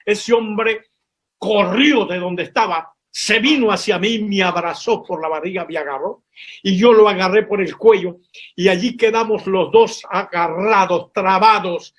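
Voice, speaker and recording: A man's voice: sits high, measured pace. A man, a pastor and missionary, tells his testimony as a sermon, speaking to his brothers in faith and repeating words for emphasis. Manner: vivid storytelling, addresses listeners as brothers. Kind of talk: preaching a personal testimony.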